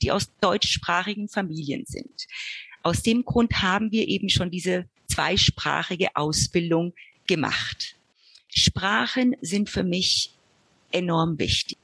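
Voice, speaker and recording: A husky-voiced middle-aged woman from Argentina, working in early childhood education. She speaks earnestly in a dry, close sound, laying out her points with lists and examples, at a medium pitch. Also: a bit bright, no echo. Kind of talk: interview answers.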